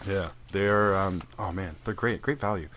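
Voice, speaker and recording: A man's voice: low voice, normal speed, a bit bright, slight background noise. A young man hosting a casual video game podcast, rambling and joking, restarting his sentences often. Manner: rambling and jokey, with frequent restarts and fillers. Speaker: podcast host. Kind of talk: casual chat about video games.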